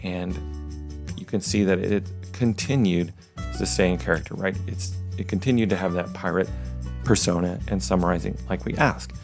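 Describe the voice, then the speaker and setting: Low, gravelly man explaining software. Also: normal speed, music in the background. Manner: plain, explanatory, with frequent "uh" fillers. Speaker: software tutorial presenter. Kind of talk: screen-recorded tech tutorial.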